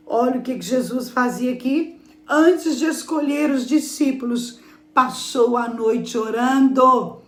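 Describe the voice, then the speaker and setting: Woman pastor, high voice, emphatic sermon delivery, echoey room. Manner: emphatic preaching with rhetorical questions, shifting pace.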